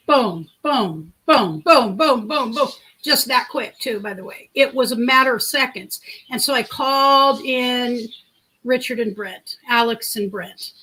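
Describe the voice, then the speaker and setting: Over a rough recording, a middle-aged woman chats casually on her livestream, drifting through a story and replying to viewer comments. She has a big, high-pitched voice with a sharp edge.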